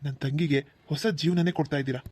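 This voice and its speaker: Cartoon role: a man playing a soft-spoken, tearful elder brother, slightly high voice. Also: steady tone, quick pace, breathy edge. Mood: tender. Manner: gentle, soft-spoken, emotional pleading. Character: grown man, tearful loving older brother of the bride.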